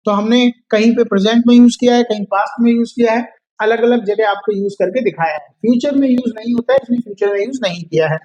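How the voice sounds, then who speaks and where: A man with an Indian accent, a native Hindi speaker, teaching a spoken English lesson and slowly repeating English phrases for learners to copy. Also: high voice, darkish tone, dull audio. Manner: slow drilled repetition of English phrases.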